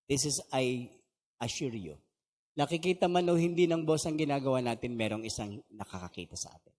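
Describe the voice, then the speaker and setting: A man's voice: medium pitch, expressive, fairly quick, darkish tone. A middle-aged male pastor giving a conversational values seminar, asking his audience questions and mixing in English phrases. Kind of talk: seminar lecture to a live audience. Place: meeting hall with an audience. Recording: reverberant hall.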